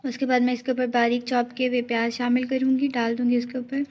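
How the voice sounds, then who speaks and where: Woman, cooking vlog host, very flat delivery, slightly high voice, faint background hiss. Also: quick pace. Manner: even, steady explaining. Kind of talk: step-by-step cooking voice-over. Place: home kitchen.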